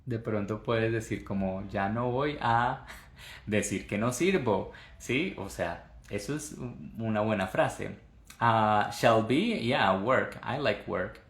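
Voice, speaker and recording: Man teaching English, echoey room. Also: fairly low pitch. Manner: explains patiently, repeats example phrases slowly; switches between Spanish and drilled English phrases. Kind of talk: live online English lesson.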